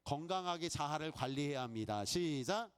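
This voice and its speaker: A middle-aged male pastor giving a lively sermon, acting out inner voices and Bible characters and leading the congregation in call-and-response. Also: on the high side, moderate pace, smooth.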